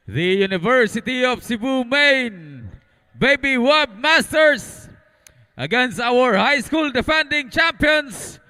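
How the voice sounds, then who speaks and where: A man with a Filipino accent working as an arena announcer, introducing teams and players in a projected, drawn-out stadium style. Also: very high voice, sharp tone, smooth, big-room sound.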